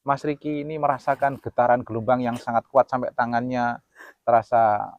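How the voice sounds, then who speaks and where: This is a man hosting a show in a solemn, earnest tone, at a middle pitch. The room sounds dry and close, and the recording comes through a little dull. He keeps turning to the viewers and moves between loud stresses and hushed asides. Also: fairly even intonation, normal speed, no echo. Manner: solemn, repeats pemirsa, swings loud and soft. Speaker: host. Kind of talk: earnest presenter talk to viewers.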